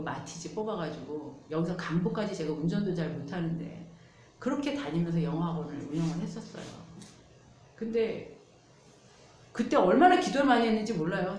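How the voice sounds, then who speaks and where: A middle-aged woman pastor delivers a sermon, her pitch rising and falling as she tells stories and acts out quoted prayers. Her voice rings around a church room with a faint hiss behind it. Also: reverberant. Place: church sanctuary.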